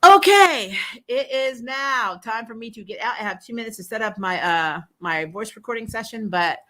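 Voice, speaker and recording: A woman with a fairly high, somewhat bright voice talks at a normal speed in an animated way. She hosts and reviews a TV recap show, answering viewer questions in a casual livestream chat, speaking bluntly, without a filter, and swearing freely.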